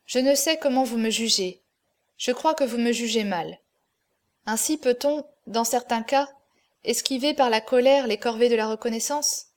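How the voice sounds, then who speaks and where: A woman's voice: fairly high pitch, normal speed, natural voice. Lady reading as a cold firm swordsman guy, stern and solemn, storybook. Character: proud, steely adult male swordsman and guardian.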